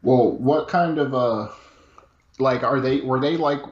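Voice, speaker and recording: A man's voice: mid-range voice, measured pace, echoey room, highs cut off. A man in casual chat, joking crudely and asking lots of questions.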